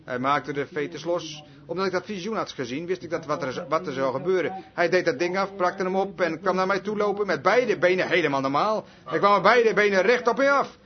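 High-voiced emphatic male preacher. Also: a little fast. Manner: emphatic, swings between loud and hushed. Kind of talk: sermon with dramatic storytelling. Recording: dull lo-fi recording.

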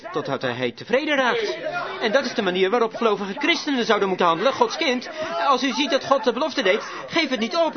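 Fervent high-voiced preacher, lo-fi. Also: male voice. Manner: emphatic, fervent exhortation. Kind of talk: sermon. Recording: dull lo-fi recording with congregation audible.

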